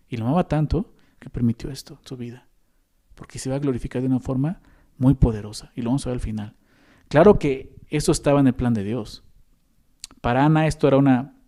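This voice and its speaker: Man, Mexican accent, pastor's sermon, conversational, tag questions, warm mellow tone. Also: mid-range voice. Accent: Mexican Spanish. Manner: conversational, often adds tag questions to the listeners.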